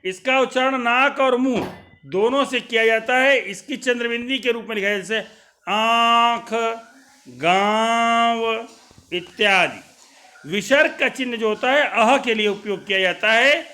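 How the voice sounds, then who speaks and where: A man giving an explanatory lesson as a teacher. He poses questions and then answers them step by step, drawing out each example sound clearly. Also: very high voice, normal speed, sharp tone. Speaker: Hindi teacher.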